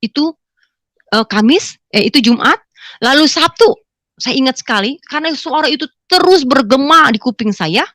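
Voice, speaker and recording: Middle-aged woman, testimony speaker, animated storyteller, higher voice, dry close mic. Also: normal speed, dry recording. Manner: animated storytelling, acts out her own exclamations loudly. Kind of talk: personal conversion testimony to a congregation.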